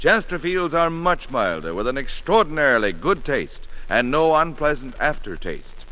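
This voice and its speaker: Man, 1950s radio announcer, animated pitch, bright forceful tone, scripted delivery. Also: normal speed, poor audio.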